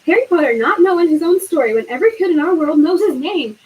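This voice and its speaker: A woman doing big gruff Hagrid. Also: very high-pitched, animated, fast talker, a little mellow, slight background noise, voice pushed up, low-quality recording. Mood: blustering. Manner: homely dialect, blustering. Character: big gruff kindly male giant groundskeeper.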